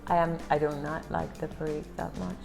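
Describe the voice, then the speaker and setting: Casting: female co-host, lowish pitch, gravelly fry, informal review talk, music clearly playing underneath. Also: flat delivery, brisk. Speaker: co-host of a pipe tobacco review. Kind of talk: casual review chat. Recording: music clearly heard behind the voice.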